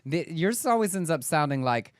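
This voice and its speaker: A man co-hosting a chat show, running through news stories with wry, deadpan remarks. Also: on the high side, normal speed, background noise. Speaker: co-host.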